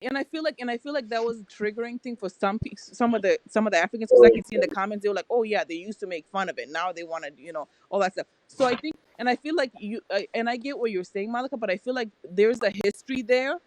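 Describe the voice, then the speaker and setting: A woman hosting a casual group discussion, with halting, repetitive phrasing. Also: fairly high pitch, darkish tone, poor audio.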